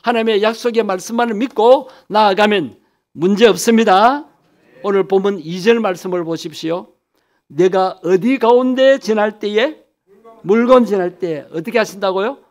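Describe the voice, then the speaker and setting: A man's voice: high-pitched, moderate pace, a little mellow. A man pastor preaching a sermon, asking the congregation questions and answering them himself, stretching key phrases for emphasis.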